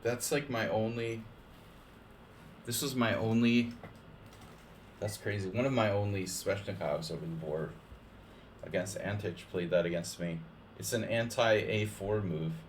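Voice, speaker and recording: A man with a lowish voice streams chess against viewers, speaking a little slowly and pausing often as he rambles with lots of "like," restarts and joking asides. A little hiss or hum sits under the recording.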